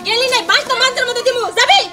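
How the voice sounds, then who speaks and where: A woman playing a harsh, bitter village stepmother who scolds and threatens. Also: rapid-fire. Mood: scolding. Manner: shrill scolding, threatening, mocking. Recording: music playing under the voice.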